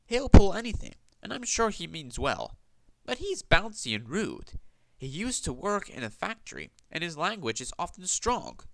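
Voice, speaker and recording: A man's voice: sits high, very animated, normal speed, gravelly, fairly bright tone, voice pushed up, exaggerated voice. A man voicing a cheerful, polite young male engine in a storybook reading, chatty and earnest.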